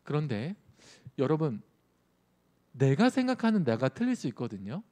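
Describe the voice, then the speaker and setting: A man's voice: medium pitch, huge pitch swings, normal speed, warm tone. A male youth pastor preaching a sermon in a conversational way, often putting questions to his listeners. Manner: conversational, asks the audience questions.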